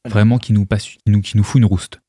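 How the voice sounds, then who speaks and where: Fast-talking, low-voiced male co-host. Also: level tone, dark tone, dry recording, studio quality. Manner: quick, direct, questioning. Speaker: podcast co-host. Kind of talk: casual podcast chat.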